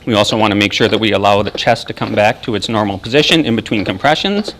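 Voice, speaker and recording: A man's voice: lowish voice, quick pace, fairly bright tone, slight background noise. An American man, an emergency services coordinator, giving a procedural instructional demonstration and explaining each step.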